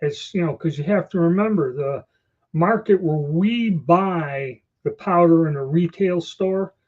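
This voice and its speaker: A man's voice: a little high, measured pace. A man hosting a casual livestream from a small indoor room, rambling conversationally, his speech slightly impeded by new false teeth. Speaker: livestream host. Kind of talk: casual livestream chat answering viewers. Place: small storeroom or office, indoors. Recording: dull lo-fi livestream audio.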